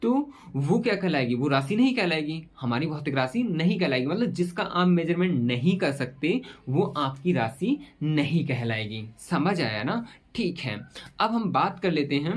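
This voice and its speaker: A man teaching a physics lesson at a whiteboard, asking questions and answering them himself, repeating key terms slowly. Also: a little high, big pitch swings. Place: room with a whiteboard.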